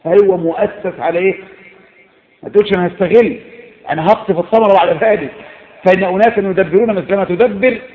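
Preaching at a quick pace, this Egyptian Arabic–accented man is emphatic and repetitive, alternating loud exhortations with low, intense passages. It sounds like an echoey, phone-quality lo-fi recording.

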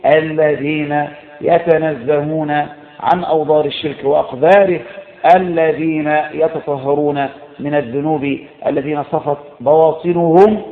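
Emphatic Egyptian preacher, echoey lo-fi recording. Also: male voice, gravelly. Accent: Egyptian Arabic. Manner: emphatic, repeating phrases, swinging between loud exhortation and low intensity. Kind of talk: sermon.

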